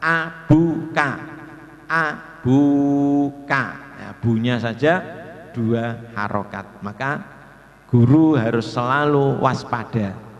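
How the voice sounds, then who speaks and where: Indonesian guy teaching quran reading, super slow and drawn out, big echoey hall. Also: medium pitch, steady tone, highs cut off. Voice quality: slow, drawn-out demonstration of Arabic sounds. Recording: echoey hall with long reverb.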